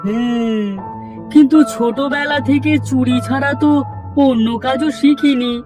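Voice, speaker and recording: A woman's voice: sits high, steady tone, a little slow. Woman playing a sly young thief, off-mic. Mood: scheming. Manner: sly, conspiratorial. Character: scheming young male village thief. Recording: distant voice over music.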